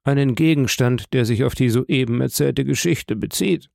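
A man's voice: medium pitch, normal speed, vocal fry, a little mellow, no echo, studio quality. A man voicing a humble, eager old prison guide in an audiobook, speaking in a deferential, wondering way. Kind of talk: audiobook character reading.

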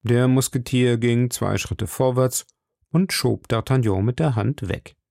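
A man narrates an adventure novel in a steady, measured storytelling voice. His tone is gravelly at mid pitch. The recording is dry and close. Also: no room sound. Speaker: audiobook narrator. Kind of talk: scripted narration.

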